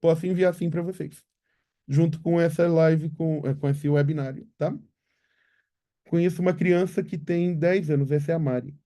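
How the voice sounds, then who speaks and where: A man's voice: a little high, fairly even intonation, moderate pace, mellow. A man with a Brazilian Portuguese accent, a literacy researcher answering viewer questions in a live webinar, explaining patiently and ending points with tag questions.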